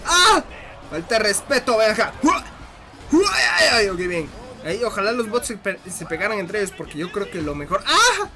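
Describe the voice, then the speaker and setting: A man giving casual gameplay commentary, excitable, laughing often and shrieking when hit. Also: high-pitched, normal speed. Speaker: gaming commentator.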